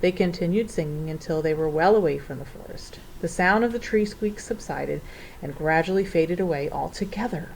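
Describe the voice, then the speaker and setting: A woman narrating a children's storybook in an expressive, theatrical way. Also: fairly low pitch, moderate pace, creaky, slight background noise, poor audio. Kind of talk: storybook reading.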